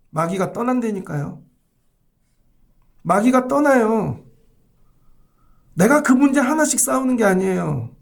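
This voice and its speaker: A man preaching a sermon in a high, gravelly voice with a rough edge. He talks emphatically and keeps throwing rhetorical questions at his listeners. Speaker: pastor.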